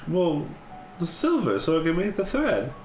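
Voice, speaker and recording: A man's voice: on the high side, wildly swooping pitch, normal speed, a little mellow, soft background music, pitched above the performer's own voice. A man voicing a polite, chatty mouse matron in a tabletop game, rambling hesitantly and matter-of-fact about grim things. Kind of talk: tabletop role-play. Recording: roomy echo with background noise.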